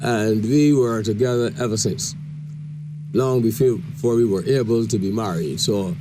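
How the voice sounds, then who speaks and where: A man's voice: on the low side, background noise. Older Barbadian man recalling home. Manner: unhurried, reflective, recites verse warmly. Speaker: guest poet. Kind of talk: radio call-in interview.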